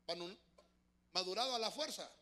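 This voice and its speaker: A man preaching a fervent sermon in church, swinging from shouts to soft asides. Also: sits high, normal speed. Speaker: pastor.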